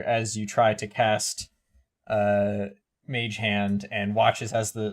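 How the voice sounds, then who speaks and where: A man acting as game master, calling for dice rolls and describing what happens in the scene. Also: mid-range voice. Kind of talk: narrating a tabletop game.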